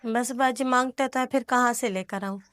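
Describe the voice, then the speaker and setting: A mother answers a visitor's questions at home. Her replies are short, meek and deferential, in a somewhat high voice. The sound is dry and close. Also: fairly bright tone, dry recording. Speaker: interviewee, mother in need.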